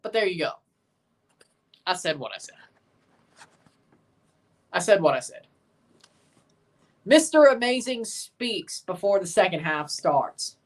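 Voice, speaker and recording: Here the Mississippi host, Southern accent and all, is very animated as he reacts to a match and responds to chat comments in his relaxed, rambling style. His voice is high-pitched and slow, broken by frequent pauses, and the mic is far away.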